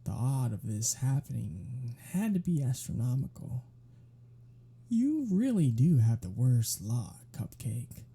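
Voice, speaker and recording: A performer in an ASMR audio drama plays a sardonic vampire predator who is teasing, fond, and unrepentant in a one-sided dialogue. Her mid-range voice is very husky and breathy, dark and soft, with big pitch swings and heavy acting. She speaks slowly and casually, swearing along the way.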